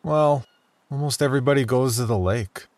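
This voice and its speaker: Cautious small-town boy, twelve, man voicing, plain reluctant delivery, mid-pitched, dead-dry sound. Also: normal speed, darkish tone, dry recording, lightly acted. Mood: wary. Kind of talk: horror story dialogue.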